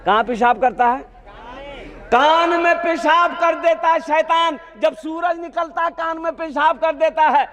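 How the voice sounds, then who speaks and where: A man preaching a sermon, telling lively stories and asking his listeners questions. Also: very high-pitched, a little slow. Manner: animated storytelling, acts out shouting characters, asks the crowd questions. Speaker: Islamic preacher. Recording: echoey hall.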